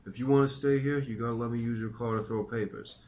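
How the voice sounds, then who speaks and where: A man voicing a brash, pushy young New York man with a New York accent, raised above his own low voice. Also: fairly even intonation, fast, darkish tone, natural voice. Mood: demanding. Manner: pushy, demanding.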